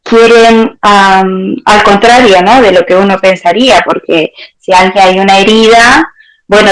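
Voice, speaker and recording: A woman therapist answering interview questions in a reflective, searching way, with pauses. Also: medium pitch, poor audio. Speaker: therapist guest.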